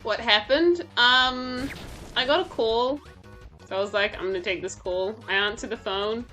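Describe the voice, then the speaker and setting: A woman's voice: fairly high pitch, moderate pace, pushed and bright, soft background music, poor audio. A woman streaming a game live, reacting aloud to the gameplay, talking to her chat and mocking herself. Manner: self-mocking exclamations.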